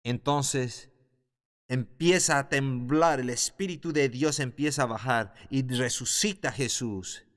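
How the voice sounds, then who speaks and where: A man teaching a Bible class in a fervent preaching style, building to loud exclamations. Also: medium pitch, measured pace. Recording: long hall reverb.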